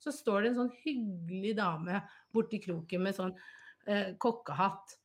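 Woman, podcast co-host, casual chat, storytelling, frequent laughter. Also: medium pitch.

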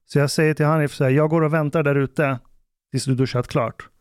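Animated man with a smooth, bright voice. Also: fairly high pitch, no room sound, studio quality. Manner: animated storyteller acting out quotes. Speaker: podcast host. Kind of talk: casual storytelling chat.

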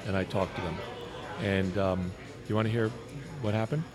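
A man podcasting in a casual conversational way, with a halting delivery that often repeats words. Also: sits low, steady tone, music in the background. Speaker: podcast co-host. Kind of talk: casual conversational storytelling and complaint.

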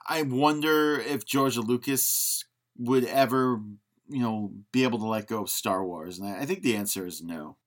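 A podcast co-host jokes around in a casual, conversational film discussion. His voice is medium-pitched and his pace is normal.

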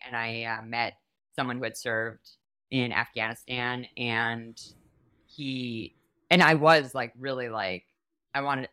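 Young new york woman rambling in an interview, laughs a lot, bright voice, dry sound. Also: very deep voice, smooth, dry recording. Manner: chatty, giggly, lots of fillers and self-interruptions. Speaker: guest, comedian and performer. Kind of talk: casual interview chat.

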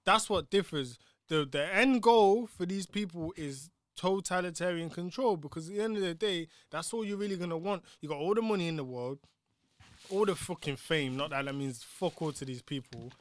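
A man's voice: on the high side, moderate pace, no room sound. A young man with a London roadman accent, giving emphatic opinions in casual, sweary slang. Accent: London roadman, multicultural London English.

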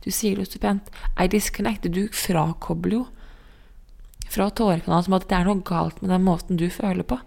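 A woman's voice: fairly low pitch, fairly even intonation, vocal fry, darkish tone. A woman co-hosting a podcast, speaking in an earnest, reflective way in casual conversation. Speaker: podcast co-host.

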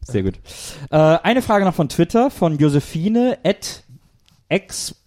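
A man's voice: on the high side, very animated, slow pace, darkish tone, dry recording. A man co-hosting a casual comedy podcast, chatting with friends and reading out listener questions. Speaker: podcast co-host. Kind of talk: casual chat.

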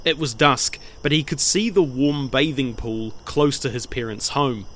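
A man telling an old legend in measured, expressive storybook narration. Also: mid-range voice, a little hiss or hum.

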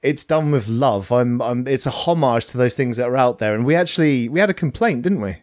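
A man's voice: mid-range voice, expressive, a little fast, a little mellow, no room sound, clean studio sound. A man who works as a voice actor, chatting casually on a podcast in a self-deprecating way, often stammering and restarting.

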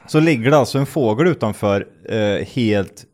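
A man's voice: lowish voice, animated, darkish tone. Teasing man in casual podcast chat. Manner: teasing, playful, counts in and interrupts. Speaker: podcast co-host.

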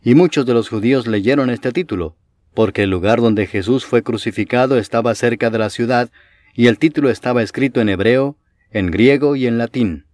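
A man reading scripture aloud in a measured, solemn way, slowing on key phrases. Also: medium pitch, a little mellow, dry recording. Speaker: Bible reader.

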